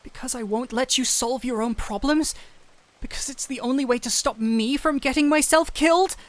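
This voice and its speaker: In an audio roleplay, a woman with a high voice lightly acts a gentle, anxious human doctor pleading desperately with a small cat-thief. She speaks to the listener earnestly and hesitantly in broken phrases over rain ambience, with no echo.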